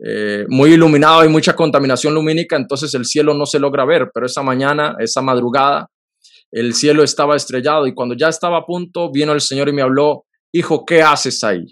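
An earnest man. He tells a personal faith story in conversation, and his voice sits a little high. He talks with feeling, in quick bursts. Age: 30s. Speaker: podcast host.

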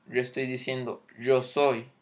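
Male English teacher, unhurried, mid-pitched, patient explainer. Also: level tone. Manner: slow, patient, checks in with "¿ok?". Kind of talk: explaining English grammar lesson.

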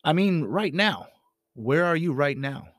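A man recording in a small closet studio, speaking an unscripted, meditative motivational monologue in a reflective, halting way, repeating phrases for emphasis. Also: a little high, animated, a bit bright, no room sound. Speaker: host of a self-help podcast.

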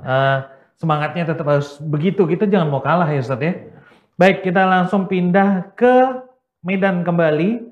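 A man with an Indonesian accent, his voice somewhat high, hosting a call-in Quran lesson. He greets each caller warmly and guides them gently. The sound is roomy and a bit dull. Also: moderate pace. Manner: friendly and encouraging, gives gentle instructions. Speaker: program host. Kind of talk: live call-in show hosting.

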